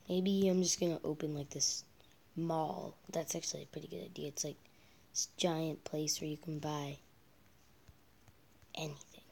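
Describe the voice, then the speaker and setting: A man's voice: on the high side, vocal fry, warm tone, slight background noise. A male gameplay vlogger chatting casually while he builds, often muttering and half-whispering as he counts blocks under his breath, with rambling asides.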